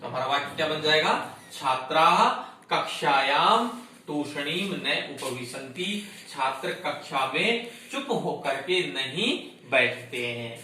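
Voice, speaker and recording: Slow-talking teacher in an echoey room. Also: male voice, on the high side, animated, pushed and bright. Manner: explains step by step, asks and answers his own questions. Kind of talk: online class lesson. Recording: echoey room, distant mic, faint noise.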